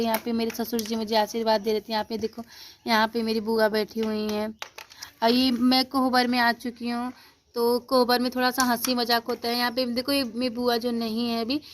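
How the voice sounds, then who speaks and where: A woman's voice: on the high side, slight background noise. A young woman chats casually at home while walking through a photo album. She explains each step with lots of fillers. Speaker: vlogger.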